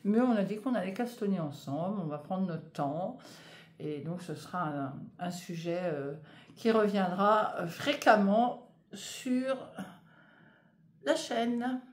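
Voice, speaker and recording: A woman's voice: mid-range voice, slow pace. A woman chatting casually in a knitting vlog, hesitant with many fillers, filming in her home conservatory. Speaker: knitting vlogger. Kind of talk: casual vlog chat, unboxing yarn.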